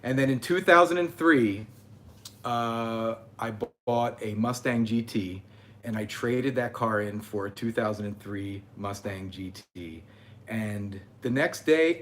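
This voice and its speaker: A man's voice: mid-range voice, a little hiss or hum. A man in his forties hosting a casual livestream, chatting and reading viewer comments aloud. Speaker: channel host.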